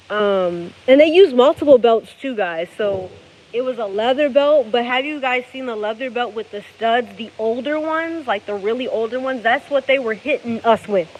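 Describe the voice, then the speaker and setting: A woman's voice: fairly high pitch, a little mellow. A woman in her thirties telling a personal story to her viewers in a candid, profane, casual way, often checking in with "okay?" and "baby". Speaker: vlogger. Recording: slightly muffled with faint hiss.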